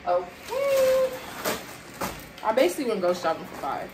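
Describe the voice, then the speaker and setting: A young woman's voice sits high with huge pitch swings at a moderate pace. She's a vlogger showing a grocery haul, tired and sweaty, chatting with viewers as y'all while moving around to unpack bags in a small apartment kitchen. A camera across the room captures echoey sound and background noise.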